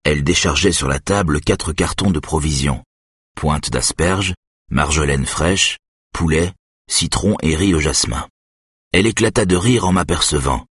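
A man narrating a novel in the first person, telling the story in a measured, expressive way. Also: a bass voice, breathy edge, no room sound, studio quality. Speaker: audiobook narrator.

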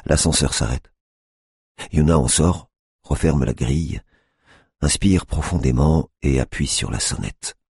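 A man narrating an audiobook in a measured, grave manner. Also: very deep voice, gravelly, a little mellow, breathy edge, no room sound, clean studio sound. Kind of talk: scripted narration.

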